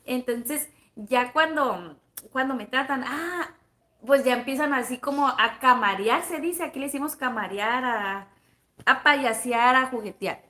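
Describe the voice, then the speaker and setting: A woman's voice: sits high, measured pace, pushed and bright. A woman with a Sonoran Mexican accent, casually chatting on a livestream, gossipy and friendly, calling her viewers comadres and plebes. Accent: Sonoran Mexican Spanish. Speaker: livestream vlogger. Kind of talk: casual livestream chat reading viewer comments.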